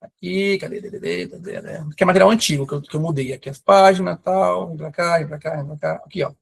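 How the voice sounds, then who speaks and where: A man's voice: fairly high pitch, steady tone, fast talker, creaky, husky. A man from Brazil, a math teacher giving a live online exam-prep class, chatty and enthusiastic with storytelling asides. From Pará, Brazil. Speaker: math teacher for civil service exams.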